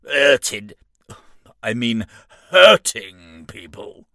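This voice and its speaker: A man's voice: medium pitch, expressive, extremely slow, bright, forceful tone, dry recording, studio quality, exaggerated voice. A man voicing an exasperated male demon, protesting in disbelief.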